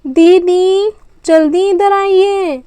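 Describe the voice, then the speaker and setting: High-voiced woman narrating a doll story. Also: fairly even intonation, extremely slow, dark tone, dry recording.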